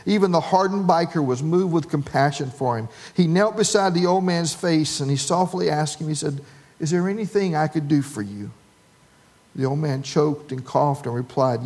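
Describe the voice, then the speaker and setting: Man preaching with a lively story. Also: on the high side, moderate pace, few pauses. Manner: storytelling with quoted voices and humor. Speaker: pastor. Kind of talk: sermon.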